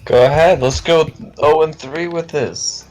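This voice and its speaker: A man's voice: on the high side, a little slow, a little mellow, faint music behind. A man playing a tabletop game, cracking jokes and laughing at his own rolls. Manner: joking, laughs often. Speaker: player. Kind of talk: casual tabletop play.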